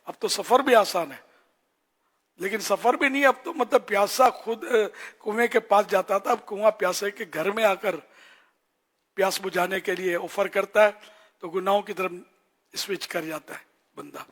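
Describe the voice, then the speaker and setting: A man giving an earnest religious teaching in short, admonishing phrases with pauses, as a scholar answering questions. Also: high-pitched, fairly bright tone. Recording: long hall reverb.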